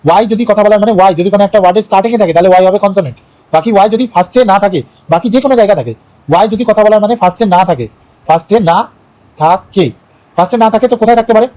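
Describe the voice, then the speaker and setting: A man's voice: high-pitched, mellow, poor audio. A man with a Bangladeshi Bengali accent teaching English syllable rules, repeating key phrases and quizzing the viewer. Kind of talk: online lesson.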